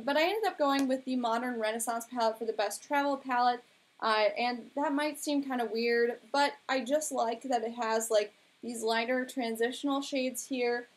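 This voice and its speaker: A young woman chatting casually on her own live stream, rambling along with lots of filler words. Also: sits high. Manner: chatty and rambling, heavy use of "like". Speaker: beauty vlogger hosting a live stream. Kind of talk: casual live-stream chat about makeup.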